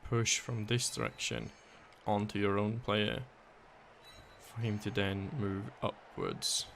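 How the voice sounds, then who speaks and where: A hoarse male caster calls a live video game match in a raspy, gravelly, worn-out voice that is fairly low, flat and slow. Thinking aloud, he analyzes each play and weighs options, and he thanks viewers. Faint noise sits under the recording.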